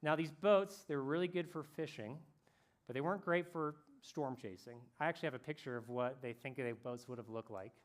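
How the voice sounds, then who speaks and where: A man speaking as a camp speaker, telling a story in a casual, slangy way that swings between loud bursts and hushed moments. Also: mid-range voice, a little fast. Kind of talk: youth camp talk.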